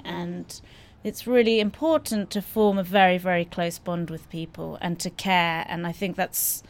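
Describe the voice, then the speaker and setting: A woman who owns a café and has written a cookbook, talking in a candid, chatty, self-deprecating way. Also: lowish voice. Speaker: café owner and cookbook author. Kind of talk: casual conversation.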